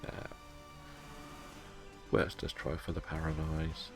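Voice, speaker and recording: Low-voiced, low-key male game streamer. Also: completely flat delivery, slow pace, gravelly, over music. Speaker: live-streaming gamer. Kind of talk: casual game stream commentary, chatting with viewers.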